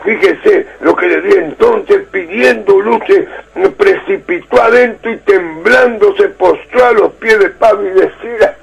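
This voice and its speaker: A man's voice: sits high, measured pace, gravelly, muffled recording, crowd noise. A man with a Uruguayan Spanish accent preaching fervently on a radio program while he has the flu. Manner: fervent, emotional, breaks into song. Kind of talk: radio sermon.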